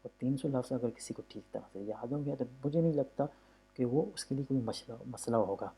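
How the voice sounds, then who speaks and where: Male language teacher, gravelly and mellow, patient and repetitive. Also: mid-range voice. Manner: patient, repetitive, often says "okay" between points; drawn-out demonstrations of vowel sounds. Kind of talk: explaining a textbook lesson.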